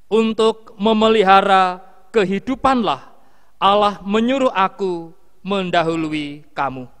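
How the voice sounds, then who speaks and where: A man leads worship as a pastor, reading scripture at a slow, solemn pace. His voice sits high and rings smooth and clear. Long reverb trails each phrase. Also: a bit bright. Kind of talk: liturgical prayer and scripture reading.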